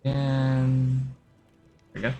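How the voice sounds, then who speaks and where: A man streaming a video game live, commenting casually in a relaxed, rambling way with many fillers. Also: medium pitch, extremely slow, soft background music.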